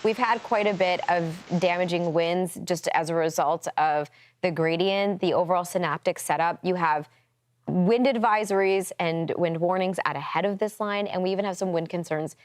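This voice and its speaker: A woman's voice: fairly low pitch, moderate pace. A woman presenting live TV weather in a chatty, informal way, thinking aloud. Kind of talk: live weather commentary, conversational.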